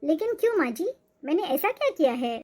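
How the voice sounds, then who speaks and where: A meek young daughter-in-law. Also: female voice, high voice, very animated, brisk. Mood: pleading. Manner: soft pleading replies. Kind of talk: cartoon voice acting.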